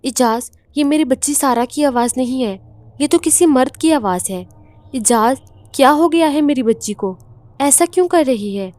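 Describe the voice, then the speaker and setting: A woman's voice: high-pitched, expressive, a little mellow, dry recording. A woman voicing a frightened, tearful mother pleading for help in a horror story.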